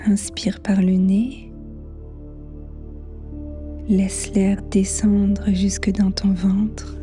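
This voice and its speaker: A woman leading a guided meditation in a soft, half-whispered, soothing voice with long pauses. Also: medium pitch, little pitch movement. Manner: slow, hushed, soothing delivery with long pauses. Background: new-age music.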